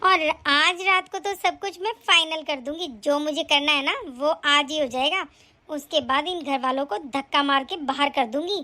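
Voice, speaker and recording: A woman gives voice to a greedy young daughter-in-law in an animated family drama. She speaks in a very high, bright voice and is smug and scheming. She plots to take the family's property. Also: moderate pace. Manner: smug, scheming, later pleading. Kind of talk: animated story voice acting.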